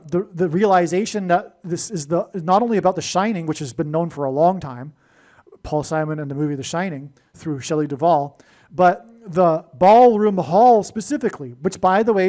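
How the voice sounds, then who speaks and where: A man's voice: high voice, darkish tone. A man delivering a rambling solo monologue, full of digressions and restarts. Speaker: prophecy video host.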